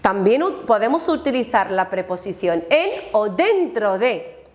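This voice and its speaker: Slow, lively woman teacher, echoey room. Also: medium pitch. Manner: slow, deliberate, models words aloud. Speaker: Spanish teacher. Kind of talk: recorded classroom lesson.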